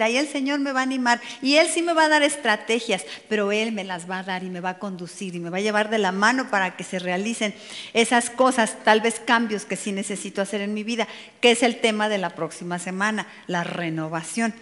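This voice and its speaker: A woman's voice: medium pitch, fairly quick, a bit bright. A woman preaching to a women's meeting in a conversational way, speaking directly to her listeners with playful asides. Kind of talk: sermon. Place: church meeting hall. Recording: long hall reverb.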